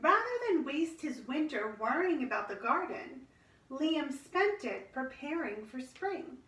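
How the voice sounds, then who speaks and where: A woman reading a children's storybook aloud in an expressive, measured storytelling manner. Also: sits high. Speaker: storybook reader. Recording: roomy echo, distant microphone.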